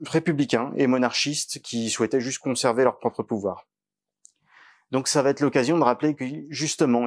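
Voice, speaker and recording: A man from western France speaking at a public meeting in a village hall, earnest and halting with many fillers. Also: mid-range voice. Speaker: political candidate.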